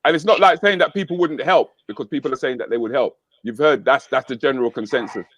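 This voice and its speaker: A man's voice: mid-range voice, quick pace, fairly bright tone, dry recording, lo-fi sound. A man hosting a casual chat as a comedian, teasing his co-host and laughing often. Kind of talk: casual banter.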